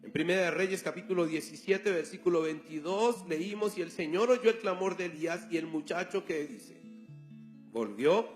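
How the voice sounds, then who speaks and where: A man's voice: sits high, expressive, moderate pace, faint music behind. A male pastor preaching a sermon, telling a story and acting out the dialogue. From Colombia.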